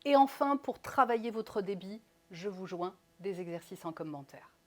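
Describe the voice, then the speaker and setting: A woman coaching public speaking in an instructional video, with crisp articulation and strongly stressed, lively intonation. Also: medium pitch, moderate pace.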